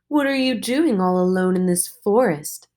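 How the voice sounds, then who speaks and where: A woman's voice: mid-range voice, lively intonation, moderate pace, a little mellow, lightly acted. A woman voicing a sly, tricky male wolf in a storybook read-aloud, talking in a sugary, sly way.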